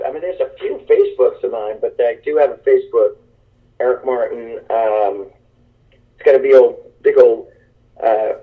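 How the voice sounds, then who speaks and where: A man's voice: mid-range voice, husky. Man rambling over a tinny speakerphone. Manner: rambling, enthusiastic, self-deprecating. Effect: heard over a speakerphone line. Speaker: guest musician. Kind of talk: phone interview chat. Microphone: phone on speaker.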